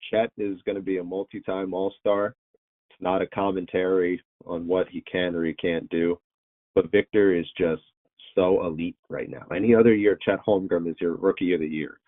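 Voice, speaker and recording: A man joining a sports podcast as a guest reporter, telling stories in an animated way and laughing often, heard over a tinny remote line. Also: sits low, normal speed. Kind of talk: casual sports podcast chat.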